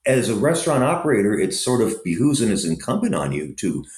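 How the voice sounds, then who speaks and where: A Southern California restaurant operator and investor answers interview questions conversationally, telling lively anecdotes packed with fillers. His fairly low voice moves fast and sounds echoey in the room.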